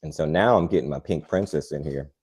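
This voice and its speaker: A man hosting a live gardening demo, talking in a calm, soothing, chatty way. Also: a bass voice, a little fast, slightly rough. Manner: chatty and rambling, with many fillers. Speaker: gardening channel host. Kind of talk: live repotting demo, casual chat.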